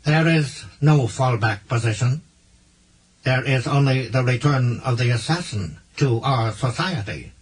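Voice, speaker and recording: A man voicing a stern, formal male alien governor in an audiobook, speaking firmly and with measured weight, husky-voiced. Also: medium pitch, animated.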